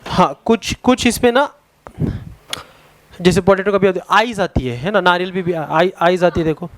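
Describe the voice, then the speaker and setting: Indian man teaching a science class. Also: high voice. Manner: explains in a Hindi and English mix, spells words out; halting, searches for words with many fillers.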